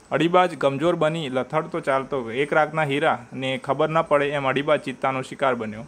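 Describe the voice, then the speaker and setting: A man reading a short story aloud in a measured way, sometimes stopping to restart a word. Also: a little high, a bit bright.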